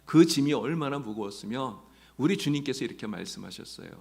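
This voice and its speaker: Male pastor, sermon delivery; gravelly, lively pitch swings, emphatic, asks the congregation questions. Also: fairly quick. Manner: emphatic preaching, rising loud in quoted prayers; addresses the congregation directly with questions.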